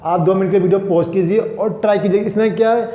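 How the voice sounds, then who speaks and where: A man's voice: high-pitched, fairly even intonation, quick pace. A male grammar teacher, explaining step by step to students in a classroom lecture. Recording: echoey dull room sound.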